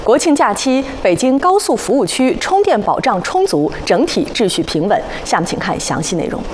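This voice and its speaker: A woman's voice: on the high side, sing-song, normal speed, a little hiss or hum. A woman anchoring TV news in standard Mandarin, reading headlines in a formal broadcast style.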